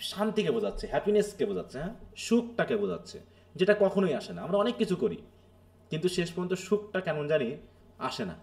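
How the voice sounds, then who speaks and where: A man with a Bangladeshi accent lecturing a live class on drama, explaining slowly and asking his students questions. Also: sits high, mellow. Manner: explanatory, asks students questions, mixes English phrases. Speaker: teacher. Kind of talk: live online literature lecture.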